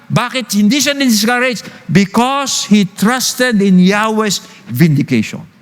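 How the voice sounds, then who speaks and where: A Filipino-accented male pastor delivers a sermon, shifting between Tagalog and English as he tells stories. His voice sits high, and he drags out key words to stress them. The long reverb of a church hall trails after each phrase. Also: expressive. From Philippines. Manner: storytelling preacher switching between Tagalog and English, slowing to stress points.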